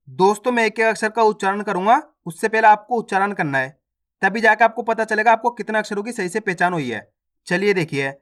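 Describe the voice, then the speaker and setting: A man's voice: high-pitched, pushed and bright. A man teaching the Hindi alphabet online, drilling each syllable and asking the viewer how to pronounce it.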